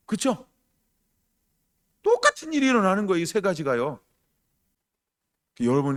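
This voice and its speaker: A man preaching a sermon as pastor, emphatic, asking the congregation questions and acting out quoted voices with loud bursts. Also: medium pitch. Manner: acts out quoted voices with sudden loud outbursts.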